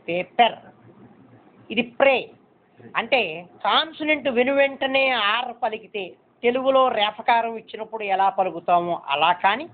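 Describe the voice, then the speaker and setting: A man teaching a shorthand lesson step by step, patiently repeating points and checking that students understand. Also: extremely high pitch. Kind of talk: step-by-step classroom instruction. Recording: tinny phone-like recording.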